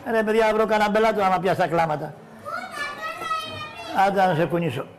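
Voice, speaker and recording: A man playing a cheeky, loud puppet-show trickster. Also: high-pitched, pitched below the performer's own voice, natural voice. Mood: coaxing. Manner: loud, bantering, teasing, addresses children in audience. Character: cheeky scheming poor man, swing-ride hawker. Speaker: shadow puppeteer. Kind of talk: live Greek shadow-puppet theatre. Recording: live show with audience noise. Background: audience of children.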